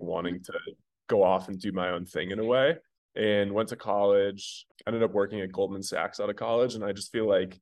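A man, a company founder, telling stories casually with lots of fillers. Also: deep voice. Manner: rambling, filler-heavy storytelling. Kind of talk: casual interview.

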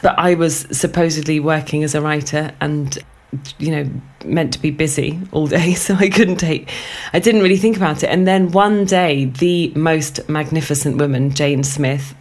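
A woman with a deep, darkish voice, speaking at a normal speed, is a guest in a casual conversation. A writer and former lifeguard, she tells a rambling personal story, chatty and full of fillers, and laughs often.

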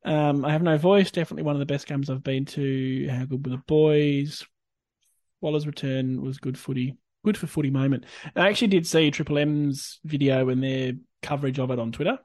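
A man's voice: mid-range voice, fairly even intonation, brisk, a little mellow, dry recording, studio quality. An Australian man hosting a podcast, chatting casually and informally about sport. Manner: informal, conversational. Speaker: podcast host.

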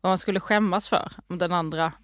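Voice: medium pitch, fairly even intonation, no room sound, studio quality. A podcast co-host chatting casually and reacting to the other host. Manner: reacts with short backchannels. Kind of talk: casual chat.

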